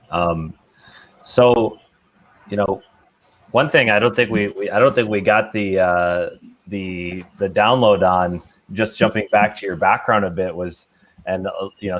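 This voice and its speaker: A man hosting a video-call interview, asking halting questions full of fillers. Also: low voice, dull audio. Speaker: podcast host. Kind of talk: casual interview chat.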